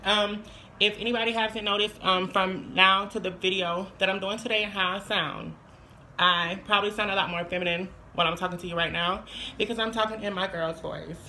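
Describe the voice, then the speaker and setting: A woman's voice: mid-range voice, steady tone, fairly quick, sharp tone, a little hiss or hum. A young adult woman vlogger giving casual tips, chatty and repeating phrases for emphasis. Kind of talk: casual tutorial chat.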